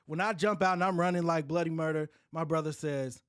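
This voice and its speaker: In a dry, clean studio recording, a woman with a low-pitched voice rattles off a wild story on her podcast at a brisk clip. She swears liberally, stays animated, and laughs partway through the casual chat.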